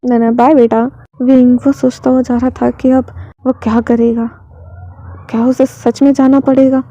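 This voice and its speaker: A woman reading a fan fiction story aloud in a plain, unhurried way. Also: high voice, little pitch movement, mellow, dry recording, lo-fi sound.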